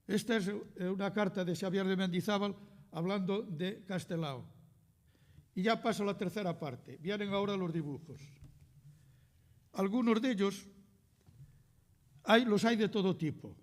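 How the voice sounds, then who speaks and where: A man's voice: high-pitched, moderate pace, pauses often. Older Galician man lecturing in echoing hall. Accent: Galician Spanish. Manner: reads captions aloud with lively quoted voices, translating as he goes. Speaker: historian lecturer. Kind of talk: lecture presenting cartoons.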